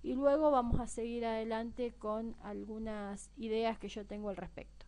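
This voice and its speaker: Woman, course instructor, mellow voice, a bit high, explaining to students. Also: level tone, moderate pace. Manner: explanatory, addresses students directly. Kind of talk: recorded online lesson.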